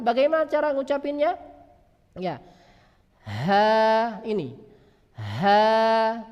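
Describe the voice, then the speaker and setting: A man teaching Quran recitation, who asks questions and answers them himself and draws out sounds slowly to demonstrate them. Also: very high-pitched. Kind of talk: religious lesson on pronunciation. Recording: long hall reverb.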